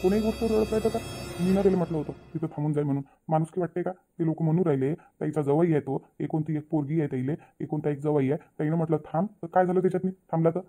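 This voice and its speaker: A man's voice: a little high, fast talker, mellow, soft background music. A man voicing a patient middle-aged village father in a cartoon, coaxing and lecturing his wife. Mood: reasoning. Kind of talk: cartoon voice acting.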